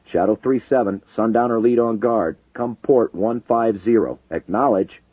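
A man's voice: lowish voice, moderate pace, husky, no echo, voice pushed up. A man doing a clipped fighter pilot on the radio. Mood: stern. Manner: clipped radio call sign talk. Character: tense male fighter pilot calling over the radio. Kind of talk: audiobook narration with character voices. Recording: tinny phone-like dry recording.

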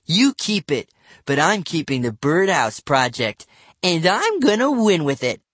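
A man reading an audiobook and voicing a whiny, bratty young boy who shouts and complains, with soft music underneath. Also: huge pitch swings, slow pace, husky, dry recording, exaggerated voice. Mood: sulky. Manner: shrill, whining, shouting.

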